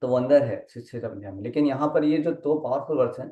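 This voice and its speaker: A man's voice: mid-range voice, fast talker, warm tone. A man teaching a casual Gita study class, mixing Hindi and English, explaining step by step and often checking that the listener follows. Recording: dull muffled sound in an echoey room.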